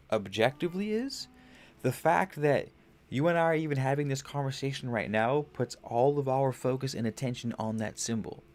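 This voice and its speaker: A young podcast host with a mid-range voice rambles on a livestream about spiritual ideas. He restarts phrases, swears loosely, and gets animated when he hits big points.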